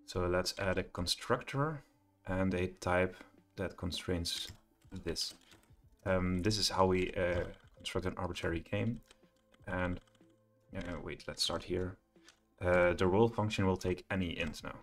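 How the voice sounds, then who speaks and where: Low-voiced man thinking aloud while coding. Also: a little slow, faint music behind. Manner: thinking aloud, hesitant with many fillers. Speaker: programming tutor. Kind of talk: live coding walkthrough.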